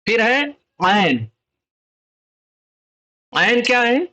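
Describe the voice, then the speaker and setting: A man with an Urdu accent teaches children the Arabic letters in a slow explanatory lesson, patiently repeating each letter and its sound. His voice is very high and sharp, and the recording quality is low.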